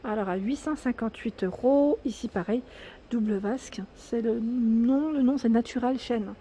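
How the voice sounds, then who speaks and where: A woman's voice: on the high side, moderate pace, mellow, slight background noise. A woman with a French accent chatting enthusiastically as she walks through a store and reads out prices and sizes. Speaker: shopping vlogger. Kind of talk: casual store walkthrough. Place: large home improvement store, indoors.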